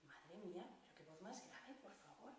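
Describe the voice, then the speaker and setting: A woman's voice: on the low side, expressive, normal speed, a little hiss or hum. A woman music teacher leading a playful children's lesson with animal puppets, recorded from a distance in a very echoey room.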